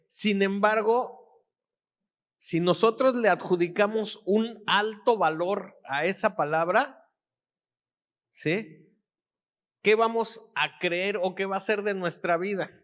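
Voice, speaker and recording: A man's voice: high-pitched, slow, long pauses, a bit bright. A man preaching as a pastor, checking in with his audience after almost every phrase. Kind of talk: sermon.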